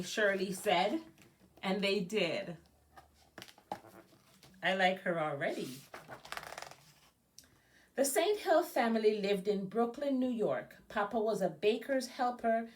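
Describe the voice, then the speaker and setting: With a voice on the high side, a Jamaican woman who directs an education nonprofit reads aloud for a children's story time, adding informal asides.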